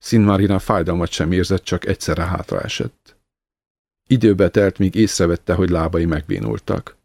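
Egy férfi nyugodt, kimért hangon olvas fel egy irodalmi elbeszélést. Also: male voice, deep voice, gravelly, no room sound. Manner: calm, measured reading. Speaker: narrator. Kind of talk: scripted narration of a literary story.

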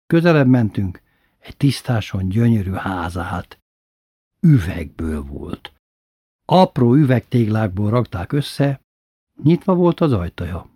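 Brief: male storyteller, husky voice, lively, swooping intonation. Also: fairly low pitch, no room sound, clean studio sound. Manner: lively, expressive reading with voiced characters. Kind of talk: reading a personal story aloud.

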